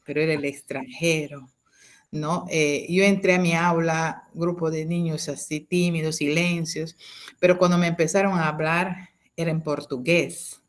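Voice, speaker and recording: A woman's voice: low voice, steady tone, normal speed. A woman in her fifties, a teacher, tells a personal story over a video call, with many restarts and tag questions. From Peru. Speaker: teacher sharing a testimony. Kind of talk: personal anecdote in an online class.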